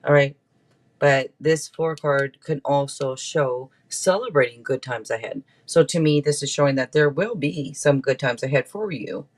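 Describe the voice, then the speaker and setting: This tarot reader is a man hosting a relaxed live session, his voice medium in pitch and normal in speed. He rambles playfully to his audience, with asides cropping up frequently.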